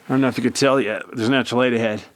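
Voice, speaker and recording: In a steady, mid-range voice, a man fires off rapid commentary while touring a cave and filming himself. His manner is laid-back and rambling, and the handheld cave audio carries noticeable background noise.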